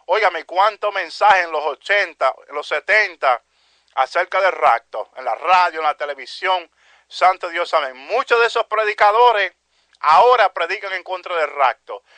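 A man's voice: high-pitched, lively intonation, normal speed, bright, forceful tone, no room sound. A man preaching a fervent evangelical sermon, repeating phrases and peppering his speech with exclamations of praise while addressing his listeners as brothers. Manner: peppers speech with "aleluya" and "santo Dios", addresses "mi hermano"; impassioned, repetitive preaching cadence.

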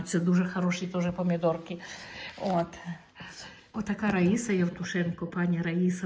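A woman's voice: fairly low pitch, a little mellow. A middle-aged woman from Ukraine, a vlogger chatting casually to her viewers in a homely, talkative way, stretching out her words. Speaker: vlogger showing tomato seeds. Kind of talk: casual chat to camera.

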